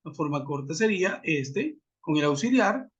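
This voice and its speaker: A man's voice: fairly high pitch, lively intonation, normal speed, slightly rough. A man teaching an online English grammar lesson, methodical, spelling out letters and asking his class questions. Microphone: web conference audio. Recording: dull lo-fi web call audio.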